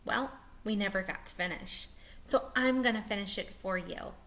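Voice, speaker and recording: A woman teacher reads a picture book aloud to young children in a mid-range voice at a moderate pace. She's expressive, stretching out words for emphasis.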